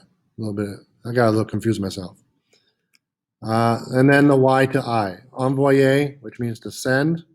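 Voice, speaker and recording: A man's voice: mid-range voice, darkish tone. A man teaching a French lesson, patiently repeating words with frequent "uh" fillers. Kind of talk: classroom lesson.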